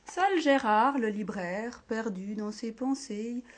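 Slow, expressive woman reading a picture book. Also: on the high side. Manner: expressive, dips to whispered asides.

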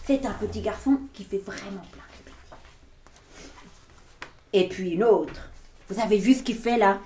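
A woman reading a picture book aloud to children in an animated way, with playful asides to her listeners. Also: medium pitch, a little slow. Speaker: storyteller. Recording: echoey room, faint noise.

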